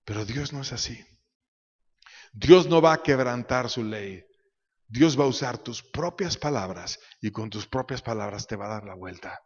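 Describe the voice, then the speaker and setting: A pastor preaching a sermon, swinging between loud emphatic bursts and quiet low asides, sometimes acting out voices. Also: male voice, lively intonation, a little slow, husky. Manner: acts out quoted voices in his preaching. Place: church. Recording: echoey church hall, dull lo-fi sound.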